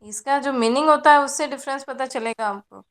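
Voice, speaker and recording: A woman's voice: sits high, brisk, a bit bright. A woman teacher giving an online class lecture, patiently explaining and checking in with her students.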